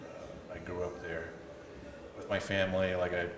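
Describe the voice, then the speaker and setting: A young South African football player tells his story as an interview guest, speaking in a deep, flat voice at a moderate pace. He's easygoing and says "like" and "you know" a lot; the recording is echoey and noisy, with the mic placed at a distance.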